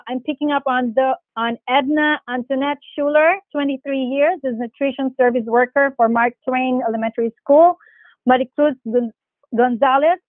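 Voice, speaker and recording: A woman with a high, bright-toned voice reads names and years of service in a formal, measured manner, tripping now and then on a name. She calls in over a tinny, phone-like line with a dry, close sound. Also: no echo. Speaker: director of classified personnel. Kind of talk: formal ceremonial reading of names. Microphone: phone call.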